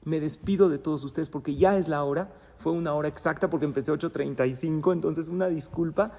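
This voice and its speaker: A man's voice: fairly high pitch, fast, creaky, a little mellow. A man, a rabbi giving a religious class and telling stories dramatically, with Hebrew terms mixed in. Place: synagogue hall. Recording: long hall reverb.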